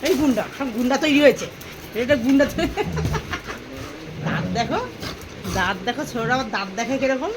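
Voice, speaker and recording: A woman's voice: high voice, expressive, a little fast, pauses often. A woman, coaxing and sing-song baby talk to her pet dogs at home. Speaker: pet owner. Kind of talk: casual home vlog, talking to pets. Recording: noisy home recording with dogs.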